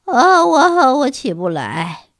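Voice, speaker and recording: A woman voicing a middle-aged male teacher who is out of breath, stammering and halting between words. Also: high voice, sing-song, fairly bright tone, dry recording, studio quality, pitched above the performer's own voice, full character voice. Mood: breathless.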